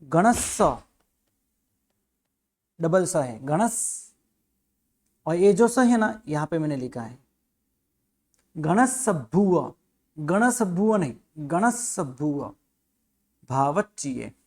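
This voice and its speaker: This is a recitation teacher leading a lesson from home, going over sacred verses one syllable at a time. The delivery is extremely unhurried and patient, and the voice sounds soft and mellow. At times the teacher eases into a gentle melodic chant of the lines. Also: mid-range voice, lively intonation. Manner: patient, repeats each syllable until it is right. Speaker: religious studies teacher. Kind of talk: recitation lesson, correcting pronunciation.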